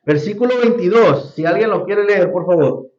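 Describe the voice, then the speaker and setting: A man's voice: high-pitched, moderate pace, a little mellow. A man teaching a Sunday school Bible lesson to a congregation, often quizzing the class with questions. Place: church hall. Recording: roomy, dull lo-fi church recording.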